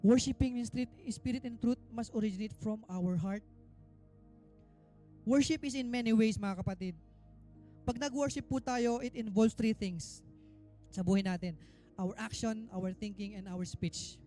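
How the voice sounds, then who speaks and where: A male minister preaching a sermon with emphasis, swinging between loud exhortation and quiet asides. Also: high-pitched, unhurried, long pauses, soft background music. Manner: emphatic preaching, mixing Tagalog and English.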